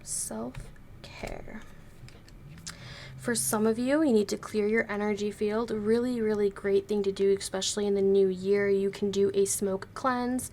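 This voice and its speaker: A tarot reader talks through a reading at an easy, careful pace, sparing a voice slightly hoarse from illness. Her voice is mid-pitched and gentle, with fairly even intonation, normal speed and hardly any pauses. A faint hiss of noise runs underneath.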